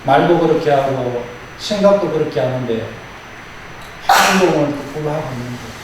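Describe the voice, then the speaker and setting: A man's voice: mid-range voice, normal speed. A male pastor giving a sermon, emphatic and repeating key phrases, telling stories with animation. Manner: animated storyteller. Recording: very echoey hall, far-off mic, faint noise.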